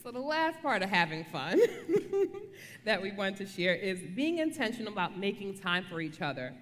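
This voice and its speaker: A woman with a medium-pitched voice gives a casual devotional talk. She is conversational and playful, and her words carry a long room reverb. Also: big pitch swings, normal speed, a bit bright. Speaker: co-speaker in a couples' talk.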